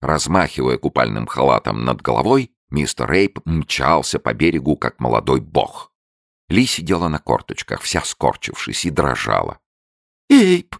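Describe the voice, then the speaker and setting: A man reading a novel aloud in an expressive storytelling manner. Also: very deep voice, moderate pace, gravelly, dry recording, clean studio sound. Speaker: audiobook reader. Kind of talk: scripted literary narration.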